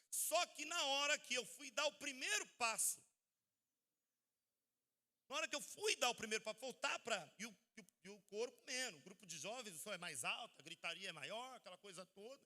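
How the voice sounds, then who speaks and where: A man with a Brazilian Portuguese accent preaching a testimony sermon, swinging between hushed, intense passages and near shouts. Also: sits high. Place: large hall at a church event. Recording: live hall with long reverb.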